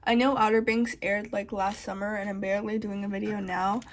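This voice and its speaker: A woman's voice: medium pitch, little pitch movement, a little fast. A woman hosting a casual craft tutorial, chatting straight to her viewers, her speech slightly altered by the retainers she is wearing. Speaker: DIY craft vlogger.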